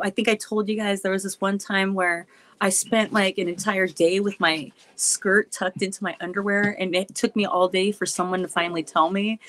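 A woman's voice: mid-range voice, fairly bright tone, low-quality recording. A woman who laughs often and talks in a goofy, chatty way, answering her viewers' questions. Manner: chatty with many fillers. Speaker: wrestler vlogger answering fan questions. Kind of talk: casual chat to viewers.

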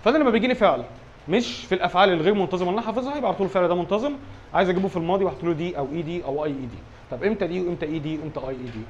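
Fast, high-voiced Egyptian teacher. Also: male voice, highs cut off, a little hiss or hum. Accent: Egyptian Arabic. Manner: quizzes himself aloud, keeps checking with "alright?". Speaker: English teacher. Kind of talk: exam review lesson.

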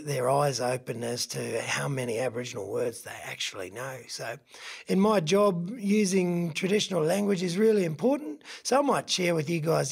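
Aussie bloke telling a kids story, husky gravelly voice, lively and folksy, does little voices for the animals. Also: male voice, on the high side. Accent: Australian. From Australia. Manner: animated, folksy, shifts voice for characters. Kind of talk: storytelling for children.

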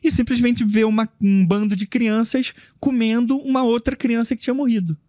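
High-voiced emphatic man explaining history. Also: little pitch movement, normal speed, dark tone, no echo, clean studio sound. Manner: emphatic, explains with broad hand gestures. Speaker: history guest. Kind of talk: casual podcast conversation. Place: studio room with bookshelves. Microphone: podcast mic on boom arm.

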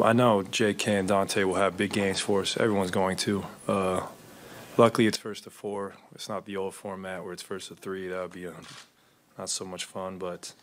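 Low flat-voiced man at a press podium. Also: a little hiss or hum. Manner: measured, low-key, frequent fillers. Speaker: basketball player. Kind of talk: postgame press conference answers. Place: arena press room. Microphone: desk microphone.

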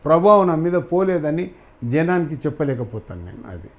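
Middle-aged male actor, interview guest; passionate, emphatic, slightly raised pitch. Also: sing-song, normal speed. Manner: fervent, repeats phrases for emphasis. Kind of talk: emotional interview answers.

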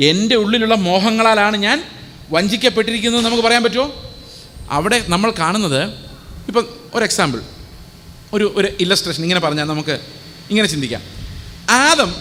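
Male preacher, high voice, rhetorical questions to the congregation, long hall echo. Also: fairly bright tone, a little hiss or hum. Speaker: pastor. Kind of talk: sermon.

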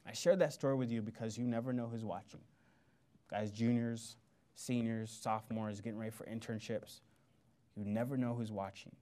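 A man from Missouri gives a motivational speech to a lecture audience. He tells his story with energy and acts out the quoted lines in lively voices. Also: on the low side, moderate pace. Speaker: guest speaker. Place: lecture hall before an audience.

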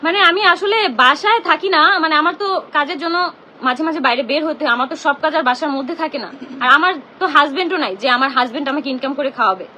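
A woman's voice: high-pitched, lively intonation, very fast, pushed and bright, a little hiss or hum. A young woman, ranting indignantly on a live stream from her phone at home. She keeps repeating herself and confronts the people she blames. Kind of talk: emotional live-stream rant.

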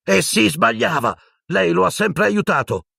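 A man voicing a suspicious, upset teenage boy wizard in an audiobook, speaking in sharp, accusing outbursts. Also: low voice, huge pitch swings, normal speed, breathy edge, dry recording, clean studio sound, heavily acted. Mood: angry shouting.

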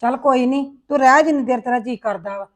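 A woman playing an indulgent mother, high voice. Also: fast talker, lightly acted. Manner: indulgent, scolding the in-laws. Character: older mother siding with her married daughter. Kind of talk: domestic web drama acting.

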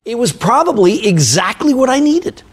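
Guy anchoring morning tv news, high voice, chatty studio banter. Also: sing-song, moderate pace, breathy edge.

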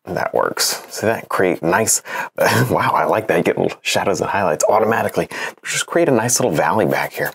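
A man's voice: deep voice, animated, fairly quick, gravelly, slightly rough. A young man giving a casual painting lesson in a home studio, chatty and self-encouraging, laughing often as he works. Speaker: painting instructor.

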